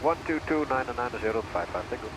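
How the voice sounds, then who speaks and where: A man with a Dutch accent, an airline pilot reading back clearances through a cockpit headset mic. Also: medium pitch, lively intonation. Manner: clipped, rapid, routine readbacks. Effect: pilot speaking through a cockpit headset mic. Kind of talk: terse radio readbacks to air traffic control. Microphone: headset boom mic. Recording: cockpit engine and air noise.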